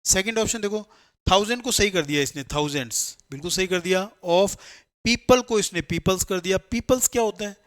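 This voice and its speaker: A man gives a classroom grammar lecture and pitches his voice slightly high. He poses questions to the class and answers them himself, mixing with English terms as he works through each rule. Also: normal speed, fairly bright tone. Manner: explains step by step, asks and answers his own questions; mixes Hindi with English terms. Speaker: English teacher for competitive exams.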